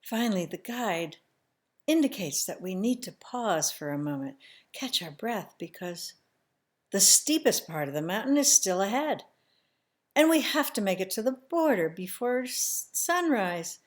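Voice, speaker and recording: A woman telling a family story in the first person, slow and emotional, sometimes dropping to a hushed near-whisper. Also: mid-range voice, big pitch swings.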